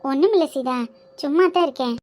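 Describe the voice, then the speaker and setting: A woman acts out a homely middle-aged mother in a family cartoon. She gives soothing, plain advice. Her voice is pitched very high. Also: fairly quick, darkish tone, close to an everyday voice. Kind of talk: cartoon voice acting.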